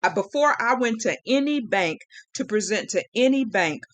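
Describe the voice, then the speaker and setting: A woman's voice: on the high side, lively intonation, normal speed, a bit bright, no room sound. A woman ranting on a live stream, frustrated and close to tears, rambling with many restarts. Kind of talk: emotional live-stream rant.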